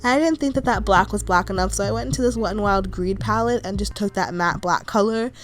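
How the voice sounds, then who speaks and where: Over soft background music, a young beauty vlogger narrates a makeup tutorial with a stuffy nose from a cold. Her medium-pitched voice moves fairly quickly, and she keeps it chatty, casual, and reassuring, often saying "like" and "kinda."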